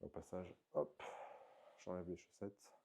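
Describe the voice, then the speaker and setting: A man talking through slow floor exercises in a calm, explanatory vlog, coaching the viewer as he moves. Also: deep voice, creaky, husky. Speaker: movement coach. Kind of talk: instructional vlog.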